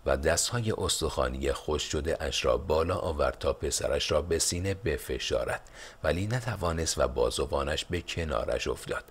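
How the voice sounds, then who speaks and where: A man narrating a historical novel as an audiobook in a measured storytelling manner. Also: extremely low pitch, slightly rough. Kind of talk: scripted narration.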